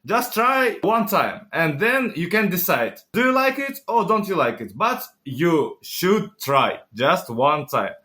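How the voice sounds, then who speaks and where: Guy with kazakh accent, slightly high voice, halting english, answering interview questions about his work. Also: big pitch swings, sharp tone. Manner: halting, simple non-native English phrasing. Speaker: interview guest, game club owner.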